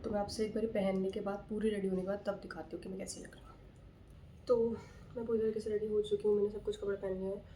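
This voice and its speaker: A woman with a hoarse throat chatting candidly in a casual vlog, worn out and self-critical, filmed on a handheld phone at home and on a rooftop at night. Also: medium pitch, level tone, quick pace, rough recording. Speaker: vlogger. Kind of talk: casual festive vlog chat. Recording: loud firecracker bangs and street noise. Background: firecrackers bursting.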